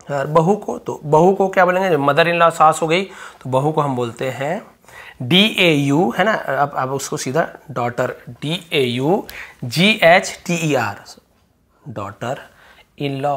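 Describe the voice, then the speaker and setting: A man with a slightly raised pitch teaches English grammar in a Hindi-medium lesson. He walks through each sentence step by step, asking questions and answering them himself. When he writes out the English phrases he slows down and dictates them word by word. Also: fairly bright tone. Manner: explains step by step, repeats, asks and answers his own questions.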